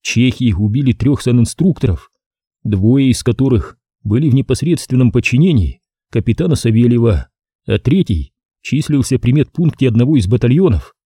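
A man narrating a first-person audiobook in a measured storytelling manner. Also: mid-range voice, mellow, slightly rough, no echo, studio quality.

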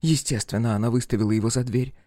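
A man's voice: mid-range voice, steady tone, fast, dark tone, no room sound, studio quality, close to an everyday voice. A man voicing a gossipy, scornful young woman friend in an audiobook, talking in a catty, chatty, dramatic way.

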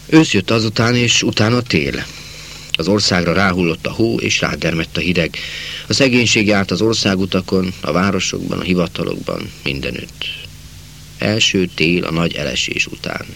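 A man narrating a literary novel in a measured reading voice, slowing down for quiet passages. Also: low voice, gravelly, a little hiss or hum. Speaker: audiobook narrator.

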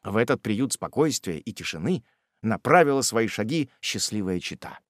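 A man narrating a classic novel as an audiobook reader, in an expressive, measured storytelling manner. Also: fairly low pitch, dry recording, clean studio sound.

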